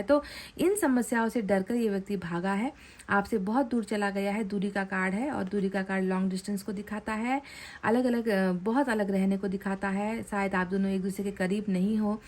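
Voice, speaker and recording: A woman reads tarot cards for an audience in a chatty, earnest way. She checks in with a quick tag question at the end of many phrases and goes back over each point in fresh words. Her voice sits at an ordinary middle pitch. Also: darkish tone. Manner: earnest, repeats and rephrases points. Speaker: tarot card reader. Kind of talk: pick-a-card tarot reading addressed to viewers.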